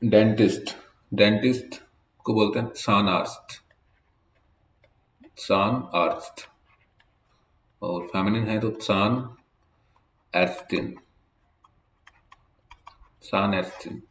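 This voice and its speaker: Man, language teacher at a whiteboard, low voice, unhurried, spells words letter by letter, echoey room. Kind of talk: vocabulary lesson at a whiteboard. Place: classroom with whiteboard.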